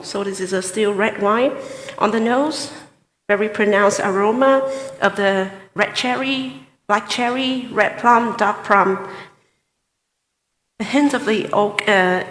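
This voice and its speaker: A woman giving a formal wine tasting assessment as a competition contestant, deliberate and hesitant, in short phrases with pauses. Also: mid-range voice, fairly bright tone, a little hiss or hum. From Vietnam. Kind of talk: spoken wine tasting assessment before judges. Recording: echoey hall with long reverb.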